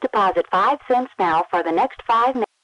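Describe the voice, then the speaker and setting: A woman gives a scripted payphone announcement played over a phone line. Her delivery is crisp, formal and measured. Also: mid-range voice, fairly bright tone, no room sound. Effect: recorded payphone announcement over a phone line. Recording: tinny old telephone line, distant.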